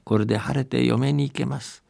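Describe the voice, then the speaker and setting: A man's voice: mid-range voice, steady tone, moderate pace, gravelly, dark tone, dry recording, clean studio sound. A man doing a pleading fox girl. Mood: earnest. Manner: polite, pleading. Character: fox disguised as a pleading young bride.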